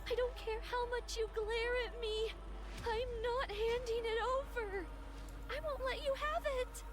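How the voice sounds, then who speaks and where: A defiant young mermaid girl in a game, speaking in a very high, soft, earnest voice. Her lines come through game audio with clear music underneath. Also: steady tone, unhurried. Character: young female android mermaid, defiant, fading. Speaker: game character voice. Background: background music.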